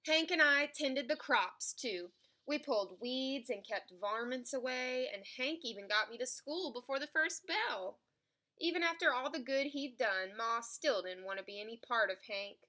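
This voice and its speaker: A woman reads a children's picture book in an animated storytelling style. She speaks at a normal speed in a high-pitched voice, in the manner of a storybook reader.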